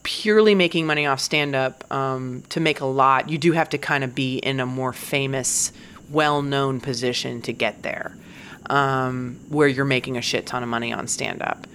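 A woman's voice: extremely low pitch, fairly even intonation, normal speed, a bit bright, slight background noise. A woman comedian in her forties, talking in a candid, profane casual monologue and laughing now and then. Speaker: stand-up comedian.

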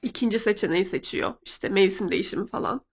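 Chatting casually as host, a Turkish woman translates a clip aloud for her audience while suffering from a cold. She talks quickly in a mid-range voice that's nasal and congested, with a breathy edge.

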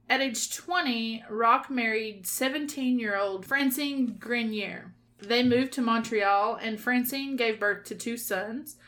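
A woman's voice: a little high, fairly bright tone. A woman with a Southern Kentucky accent, co-hosting a casual true-crime podcast, reading her notes aloud and laughing at her own stumbles. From Kentucky, USA. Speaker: podcast co-host.

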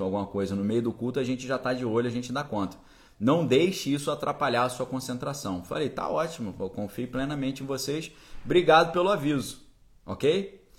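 Male preacher-host, mid pitch, relaxed conversational storytelling. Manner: conversational, checks in with listeners often. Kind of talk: spoken first-person storytelling.

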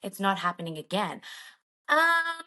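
A young woman in her twenties co-hosting a podcast, chatting in a gushing, animated way and acting out her own reactions. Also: medium pitch, a little slow. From Australia. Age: 20s. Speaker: podcast co-host. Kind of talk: casual chat.

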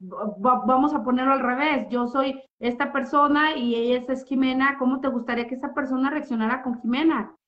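Woman, guest giving a heartfelt, expressive testimony. Higher-pitched voice, dull lo-fi recording. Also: fairly quick, few pauses. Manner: heartfelt, expressive, many tag questions. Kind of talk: emotional personal testimony. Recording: muffled lo-fi audio.

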